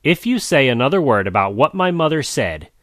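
A man's voice: medium pitch, sing-song, fairly quick, fairly bright tone, no room sound, clean studio sound, voice pushed up. A man voicing a confused young male jaguar who complains in a flustered, fussy way.

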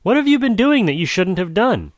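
A man voicing a gracious mother jaguar who dotes on her son and repeats herself in a high, lilting tone. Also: big pitch swings, fairly quick, no echo, clean studio sound. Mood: doting. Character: grand old female jaguar mother, gracious.

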